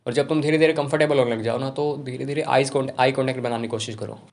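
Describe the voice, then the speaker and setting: A young man giving casual self-improvement advice to camera, talking rapidly and informally. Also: medium pitch, steady tone, a little mellow. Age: young adult.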